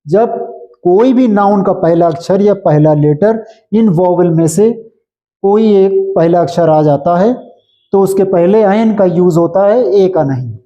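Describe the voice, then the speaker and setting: A man teaching English grammar in Hindi, explaining slowly and checking often that his students follow. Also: sits high, muffled recording. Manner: repetitive, checks understanding often. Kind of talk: slow classroom explanation in Hindi.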